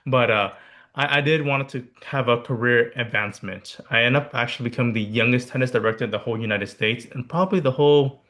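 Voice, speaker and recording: A young man from Hawaii in his twenties, co-hosting a casual podcast chat. His voice is bright and forward. He talks candidly, jokes freely and repeats his points for emphasis. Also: mid-range voice, fast talker. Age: 20s. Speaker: podcast co-host.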